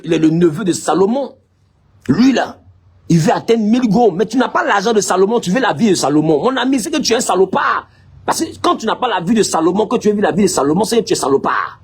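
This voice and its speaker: A male pastor with an Ivorian French accent, preaching a lively sermon and teasingly scolding his listeners. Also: sits high, slightly rough.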